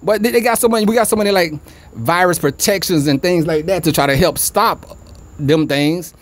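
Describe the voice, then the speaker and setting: Rambling man with a fairly high voice. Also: brisk. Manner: rambling, conspiratorial, talks in street slang. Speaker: vlogger. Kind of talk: casual rambling monologue. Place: outdoors by a street with traffic. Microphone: phone held in hand away from face.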